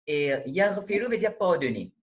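A man's voice: high voice, sing-song, normal speed. A man from Mauritius, teaching an online class and stopping often to check that students follow. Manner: explains step by step, keeps checking students follow. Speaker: Arabic teacher. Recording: roomy, distant with faint noise.

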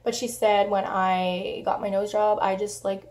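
A young woman talks straight to her camera at home, blunt and chatty, with plenty of swearing and "like" fillers. She is getting over a cold, so her voice has a hoarse, smoky edge, while her pitch sits in an ordinary middle range. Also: level tone, unhurried, darkish tone. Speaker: vlogger. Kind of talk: casual vlog talk to camera.

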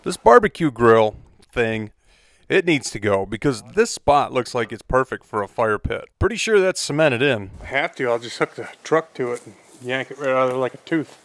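With lively intonation at normal speed, a middle-aged man in a pine forest narrates his casual vlog in a wry, easygoing, matter-of-fact manner. The mid-range voice is a bit bright, and there is no echo.

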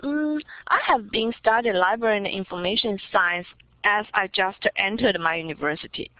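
A woman's voice: mid-range voice, moderate pace, no room sound. A young woman from China with a Chinese accent, giving interview answers in hesitant non-native English, searching for words. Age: young adult. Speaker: interviewee, visiting scholar. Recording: dull lo-fi recording.

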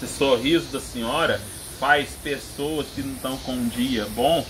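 A man's voice: mid-range voice, fairly even intonation, normal speed. A man in his thirties with a rural Brazilian accent, chatting casually during a visit. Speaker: visitor chatting with an elderly friend. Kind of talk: casual chat. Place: open porch of a rural house. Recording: noisy handheld outdoor recording.

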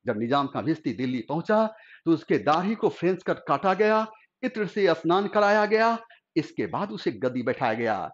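A man's voice: fairly high pitch, sing-song, normal speed, lo-fi sound. Theatrical male history teacher. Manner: emotional, theatrical narration. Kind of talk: dramatic history storytelling lecture.

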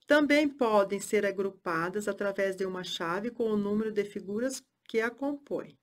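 A woman teaching music theory, speaking clearly and chanting rhythm syllables. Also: medium pitch, moderate pace. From Brazil.

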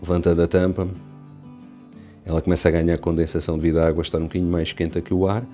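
Walking viewers through changes to his home aquarium, a European Portuguese-accented YouTuber speaks fast in a low, dark, level voice with faint music behind. His casual narration wanders a little, with frequent fillers and false starts.

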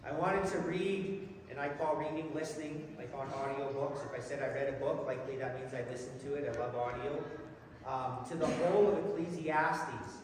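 A man's voice: a little high, normal speed. A middle-aged man giving a folksy, self-deprecating sermon, repeating words as he goes, from a church hall. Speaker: lay preacher. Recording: echoey hall, voice from far off, noisy.

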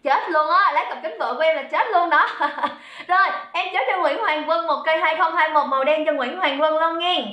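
Woman, live-stream seller, chatty, bright voice, roomy echo. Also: sits high, normal speed. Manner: chatty, calls out viewers by name. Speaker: livestream seller. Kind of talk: live-stream sales chat.

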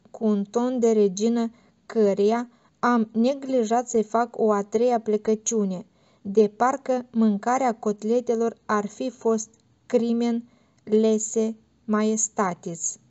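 A woman narrating literary fiction in a measured, steady audiobook reading, on a dull lo-fi recording. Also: a little high. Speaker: audiobook reader.

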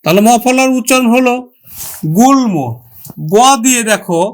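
A teacher gives a pronunciation lesson at a medium pitch. Each example word is drawn out slowly and said again and again. The teacher keeps asking the listener questions and then answers them. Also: clean tone. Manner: drawn-out, careful sounding of example words.

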